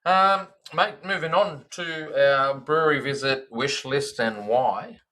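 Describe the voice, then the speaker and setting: A man's voice: medium pitch, takes it slowly, pushed and bright. An Australian man co-hosting a casual beer podcast, chatty and blunt in his talk. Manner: chatty, blunt, says "mate". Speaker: podcast co-host.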